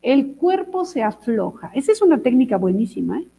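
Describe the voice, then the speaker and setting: A woman, co-hosting a casual chat and telling lively stories to demonstrate techniques. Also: fairly high pitch, fairly quick, gravelly, breathy edge, big-room sound, low-quality recording. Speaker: co-host.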